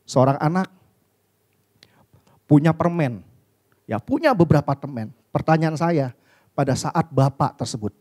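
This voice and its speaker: A man preaching a sermon in a church, constantly addressing the congregation and asking them rhetorical questions, with his voice jumping from loud, high emphasis to low, quiet asides. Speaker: pastor.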